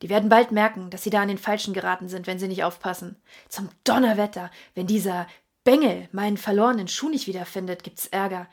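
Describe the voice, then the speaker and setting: A woman reading an audiobook, voicing a hot-tempered American baronet who is loud and furious, with a husky American-accented voice. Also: medium pitch, steady tone, normal speed, close to an everyday voice.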